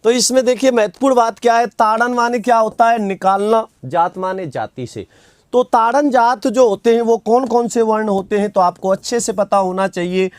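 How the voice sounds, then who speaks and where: Guy teaching grammar online, fairly high voice, quizzes himself then answers, dry close sound. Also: no echo. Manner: repeats key terms, quizzes himself and answers; reads out viewer comments and replies. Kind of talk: online Hindi grammar class.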